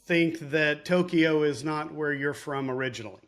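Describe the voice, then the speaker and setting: Higher-voiced man hosting an interview. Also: moderate pace, fairly bright tone. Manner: chatty and self-deprecating. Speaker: host. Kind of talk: casual interview chat.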